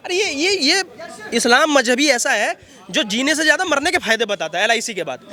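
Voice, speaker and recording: A man giving a heated, forceful street interview outdoors, repeating himself as he argues. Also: extremely high pitch. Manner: forceful, repetitive ranting. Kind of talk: heated street vox pop.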